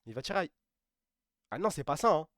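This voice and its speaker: A man talking on a live stream from his home setup, lively and emphatic, often repeating phrases and throwing in swear words. His voice sits high for a man. The sound is close and dry, with no room around it. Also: brisk, no room sound. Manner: excitable, emphatic, repeats himself, swears freely. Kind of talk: casual live-stream chat.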